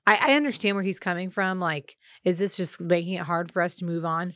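A woman's voice: lowish voice, brisk, fairly bright tone, no room sound, studio quality. Chatty woman giving dating advice. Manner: chatty, lots of "like" fillers, opinionated. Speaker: podcast co-host. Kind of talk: casual advice chat.

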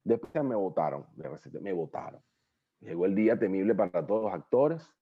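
A man's voice: low-pitched, fairly quick, husky. Venezuelan guy telling stories on a video call, slangy, does the voices, kinda muffled audio. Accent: Venezuelan Spanish. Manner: animated, acts out quoted voices, slangy. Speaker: interview guest, actor. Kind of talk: casual storytelling interview.

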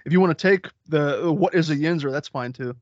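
A man's voice: on the high side, fairly quick, no echo. Hesitant man, dry dull recording. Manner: hesitant, repeats himself. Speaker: podcast co-host. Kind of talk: casual podcast chat.

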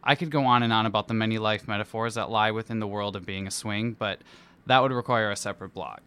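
Here the same kind of reader, a man who performs in musical theatre and serves as dance captain, delivers his personal essay quickly in a lowish, bright, forceful voice with a clean tone. The reading stays theatrical, playful and self-mocking.

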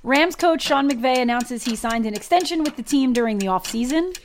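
A woman co-hosting a casual sports chat, teasing and quick to laugh. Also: sits high, animated, a little hiss or hum. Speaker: podcast co-host.

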